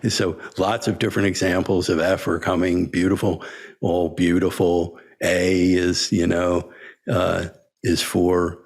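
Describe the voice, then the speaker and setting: An older man, a senior disciple, reminiscing in a storytelling talk, halting with many fillers and frequent chuckles. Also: low-pitched, level tone. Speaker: senior disciple telling stories.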